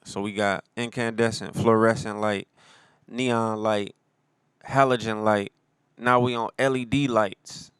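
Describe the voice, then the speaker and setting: Man, rapper-producer, laid-back slangy talk, very smooth lowish voice, dry close sound. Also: steady tone, unhurried, fairly bright tone, no echo. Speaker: rapper and producer talking about his album. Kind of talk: casual solo talk.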